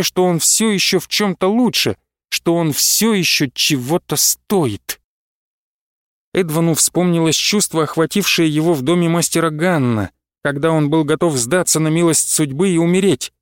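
Guy reading a fantasy book, measured, a bit high voice, dry close mic. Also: dry recording. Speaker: audiobook narrator. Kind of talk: scripted fantasy narration.

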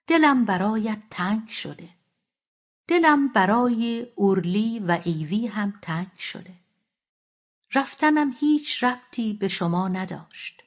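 A woman voicing a middle-aged mother who speaks softly and reflectively, in a slightly dull recording. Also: mid-range voice, close to an everyday voice. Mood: tender.

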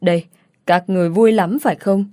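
A woman's voice: on the low side, fairly even intonation, a little fast, dark tone, dry recording, clean studio sound, lightly acted. A woman reading the lines of a bitter, vengeful young woman with a sneering, taunting manner. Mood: unhinged.

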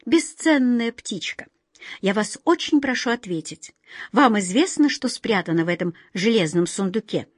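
A woman voicing a gentle, courteous male wizard who questions things with wonder. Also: medium pitch, animated, normal speed, husky, dry recording, studio quality. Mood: polite.

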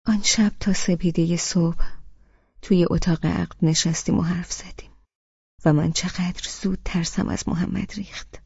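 A woman narrating an audiobook in the first person, with calm, even storytelling. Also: lowish voice, gravelly, husky, no echo, muffled recording.

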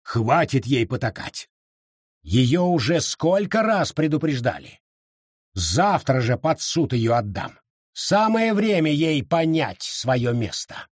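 A domineering older brother who threatens and scorns, read by a male narrator close to his own voice. The tone is husky and dry, and the pitch rises and falls widely. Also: very animated, slow pace, no room sound, exaggerated voice. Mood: threatening. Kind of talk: audiobook reading.

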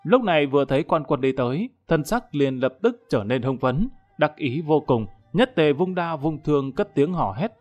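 A man's voice: fairly high pitch, animated, moderate pace, few pauses, a little mellow, highs cut off, soft background music. A man reading a dramatic story as an audiobook narrator.

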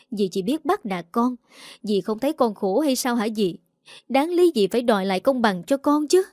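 A woman's voice: medium pitch, darkish tone, no room sound, clean studio sound, lightly acted. A woman voicing a timid but stubborn eighteen-year-old girl who pleads defensively.

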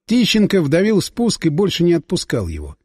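A husky male narrator telling the story in the first person, his pitch rising and falling freely. His voice sits somewhat high for a man. The recording is close and dry, with a long reverb tail behind it. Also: wildly swooping pitch, fairly quick, a little mellow. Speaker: audiobook narrator.

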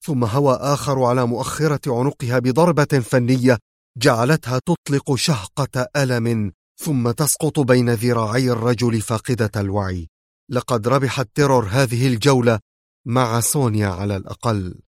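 A man reading a spy thriller aloud as narrator, in a measured, dramatic manner. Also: mid-range voice, dry recording, clean studio sound. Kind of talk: scripted audiobook narration.

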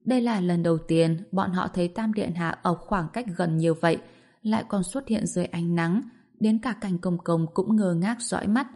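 A woman narrating a fantasy novel aloud in an even, storytelling manner. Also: lowish voice, moderate pace. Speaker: audiobook narrator.

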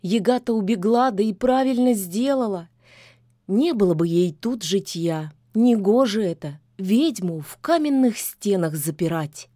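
A woman narrating a folksy fairy tale in an expressive storytelling manner. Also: medium pitch, measured pace, no room sound, studio quality. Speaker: audiobook narrator.

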